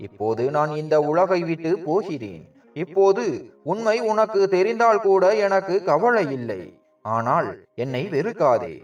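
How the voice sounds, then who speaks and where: A man's voice: a little high, recorded from a distance. A man voicing a dying elderly aunt in a storybook, tender and pleading.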